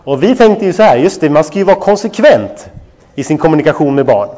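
A man preaching with an animated, storytelling delivery, his voice sitting a little higher than most men's. He turns to his listeners often with direct questions, a pastor in his thirties sharing a lesson from family life. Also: lo-fi sound. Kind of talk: sermon on parenting.

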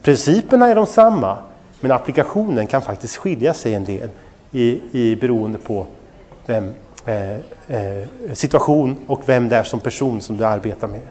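A man in his thirties preaching a sermon on parenting, telling a family story with lively asides straight to his listeners. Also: medium pitch. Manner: animated storytelling, addresses listeners directly. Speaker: pastor.

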